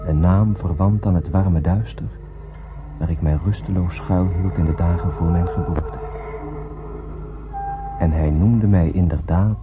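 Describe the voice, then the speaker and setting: This scripted radio play monologue features a male actor as a dreamy, solemn space wanderer narrating his tale in a poetic, declamatory, dramatic way, letting his phrase endings drop to a hush. His full character voice is low-pitched and slightly rough. The recording is tinny and narrow-band, with music.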